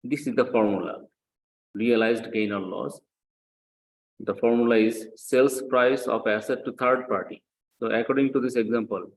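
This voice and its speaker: This is a low-quality recording of a medium-pitched man giving an accounting lecture. He walks the class through a worked example in a didactic style, going back over key points and frequently checking understanding with quick questions.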